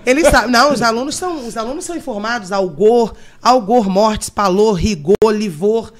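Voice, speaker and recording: Woman guest, mortuary teacher type, talks fast, explains terms plainly, crowd noise behind. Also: a little high, expressive. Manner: explains technical terms to listeners. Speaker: guest, mortuary and embalming instructor. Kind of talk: podcast storytelling.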